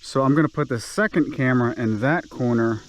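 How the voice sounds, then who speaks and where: Outdoors in a wooded clearing, a man vlogs to camera while working his land, speaking fairly quickly at medium pitch. He's chatty and self-deprecating, thinking aloud as he goes, and sounds slightly out of breath.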